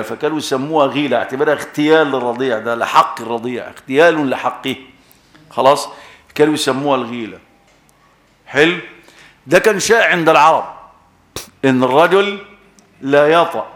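A man's voice: mid-range voice, a bit bright, echoey room. An Egyptian man preaching a sermon with an Egyptian accent, emphatic, repeating key words and quizzing his listeners.

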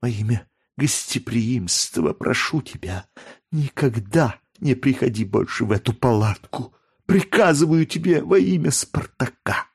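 A man's voice: on the low side, a little slow, darkish tone, voice pushed up. A sorrowful young woman speaks in a raised, trembling voice broken by sobs, as a male narrator puts her on. Her storybook lines are tearful yet proud, pleading and then firm.

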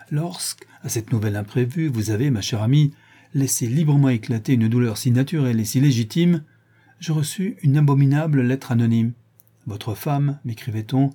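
A man's voice: mid-range voice, dark tone, slightly rough, lightly acted. A man reading the part of Gaston, a dead husband pressing his claim in a nostalgic, insistent way. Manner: insistent, nostalgic, self-righteous. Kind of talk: audiobook character reading.

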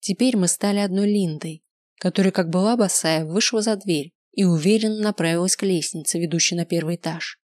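A woman narrating a first-person novel in an expressive, lively storytelling manner. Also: on the low side, a little fast, no room sound. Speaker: audiobook narrator.

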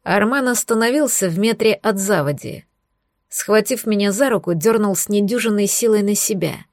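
A woman narrates a first-person romance audiobook in a steady, even storytelling style. Her voice is mid-range at a moderate pace, recorded with clean studio sound and no room sound.

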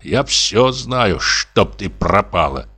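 A man reading an audiobook and voicing a superstitious peasant sexton who mutters hoarse, tearful accusations at his wife. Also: on the low side, very animated, takes it slowly, pushed and bright, heavily acted. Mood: accusing.

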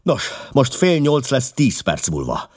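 A man voicing a restless, brilliant male detective who barks urgent orders, pitched higher and louder than his own reading voice. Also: huge pitch swings, no room sound, studio quality, full character voice.

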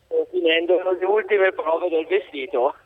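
A man from Bergamo province calling a radio show on speakerphone as a groom-to-be, answering in short, deadpan replies. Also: a little high, unhurried, no echo. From Bergamo province, Italy. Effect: phone call on speakerphone. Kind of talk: casual phone chat. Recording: tinny, dry phone line.

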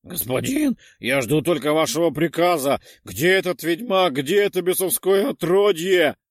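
A man voicing a blind, servile knight of living mirror in an audiobook, booming and dutiful. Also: moderate pace, no echo, studio quality. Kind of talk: audiobook character voice.

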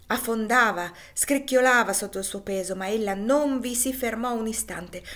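A woman reading a classic novel aloud with expressive, dramatic narration. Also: fairly high pitch. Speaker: reader.

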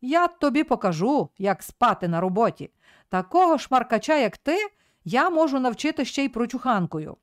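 A woman's voice: a little high, very animated, moderate pace, no echo, studio quality. A woman doing a blustering bully of an editor. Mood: shouting. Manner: scolding, shouting, mocking. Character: rude blustering male newspaper editor, bullying.

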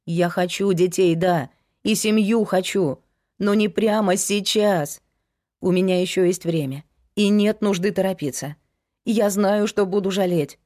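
A woman's voice: mid-range voice, a little slow, darkish tone, lightly acted. A woman voicing a young woman, a frank and resolute investigator, in an audiobook. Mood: firm.

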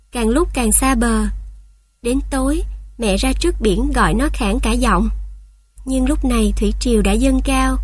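Woman narrator, children's stories, high voice, dry close sound, calm and measured. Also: dry recording. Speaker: audiobook narrator.

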